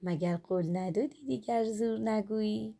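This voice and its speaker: A humble little earthworm talks in a slow, soft, modest way, voiced by a woman reading a children's story. Her voice is warm, gravelly and a little breathy. The manner is gentle and unassuming. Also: medium pitch. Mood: teasing.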